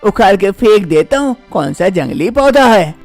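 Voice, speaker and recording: A woman voicing a young village husband in an animated storybook cartoon, who calls out excitedly in her own natural voice. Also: mid-range voice, moderate pace, dry recording, soft background music. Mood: eager.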